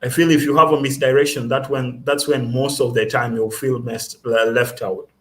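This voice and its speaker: A man's voice: mid-range voice, level tone, moderate pace, a bit bright. A young man with a Kenyan accent, a student guest answering interview questions in an earnest, self-assured way. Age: young adult. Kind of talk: casual interview.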